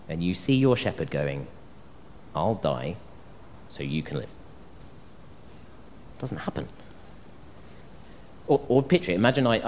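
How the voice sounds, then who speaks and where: A man's voice: lowish voice, darkish tone, a little hiss or hum. A man preaching a sermon, telling the story with energy and acting out the voices he quotes. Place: church hall. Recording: long reverb of a church hall.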